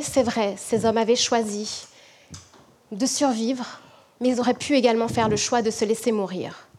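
A woman from French Guiana, a management professor, giving a measured, reflective prepared talk to an audience. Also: fairly high pitch, darkish tone, breathy edge.

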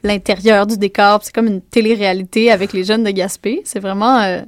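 A woman's voice: mid-range voice, steady tone, a little fast, dry recording. A woman speaking as a performer in a casual radio interview. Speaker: dance performer, guest. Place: radio studio.

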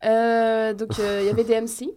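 A woman's voice: a little high, normal speed, crowd noise. A woman in her thirties from the Paris region with a Parisian accent, chatting as a guest with many fillers. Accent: Parisian French. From Paris region, France. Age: 30s. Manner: relaxed, hesitant, many fillers. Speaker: guest, hip-hop event organizer. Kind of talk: casual interview.

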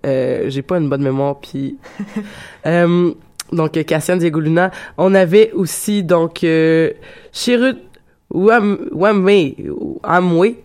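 A man with a Quebec French accent, hosting a casual film discussion podcast and talking haltingly with many restarts and repeated words. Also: on the high side, darkish tone, clear, resonant tone. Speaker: podcast host.

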